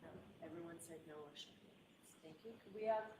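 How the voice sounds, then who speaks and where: A woman's voice: on the low side, a little fast. American woman judge in a noisy, echoey room. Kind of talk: formal courtroom instructions. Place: indoor courtroom. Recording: echoey courtroom, distant mic, loud noise.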